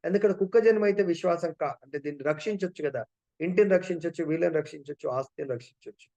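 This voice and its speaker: A man's voice: fairly high pitch, fast talker, dark tone, highs cut off, voice pushed up, close to an everyday voice. A man voicing an attached old householder who keeps making excuses. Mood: explaining.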